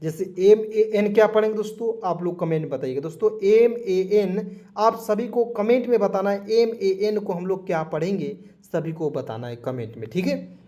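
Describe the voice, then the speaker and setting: A man's voice: high voice, normal speed, dark tone. A man teaching beginners English in a spoken lesson, repeating each word and quizzing the viewers as he goes. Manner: addresses the viewers as friends again and again.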